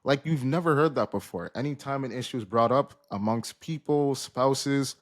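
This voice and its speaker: A man's voice: medium pitch, moderate pace. A man hosting a podcast, asking loose, rambling questions in a casual tone. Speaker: podcast host.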